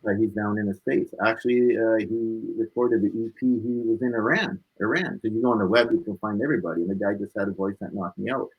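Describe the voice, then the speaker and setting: The interviewee is a man whose husky voice sits fairly low, talking fast with hardly any pauses. Casual and reflective, he keeps emphatically circling back to his main points. The audio is dull.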